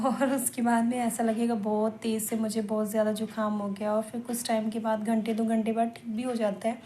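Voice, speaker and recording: A woman's voice: fairly high pitch, flat delivery, a little fast, mellow. A woman vlogging casually in a chatty, rambling way, her throat slightly scratchy. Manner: chatty, rambling, self-correcting. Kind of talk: casual vlog chat.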